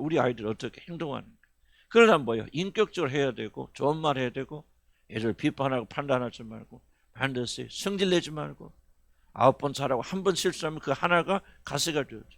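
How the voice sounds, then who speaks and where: A man's voice: fairly high pitch, creaky, dry recording. A middle-aged male pastor preaching a sermon in a folksy, conversational way, often asking the congregation questions. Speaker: senior pastor.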